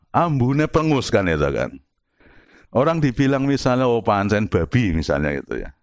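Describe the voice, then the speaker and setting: A middle-aged man giving a lively religious philosophy lesson, explaining with rhetorical questions and examples and slipping in Arabic and words. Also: medium pitch, no echo, clean studio sound. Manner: mixes in Arabic and Javanese words. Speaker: Islamic philosophy teacher. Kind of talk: lively religious study lecture.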